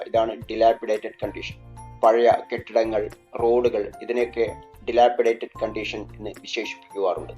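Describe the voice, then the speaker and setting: A man with a Malayali accent teaching English in a scripted lesson. He reads English phrases slowly and then explains them in Malayalam. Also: mid-range voice, darkish tone, lo-fi sound.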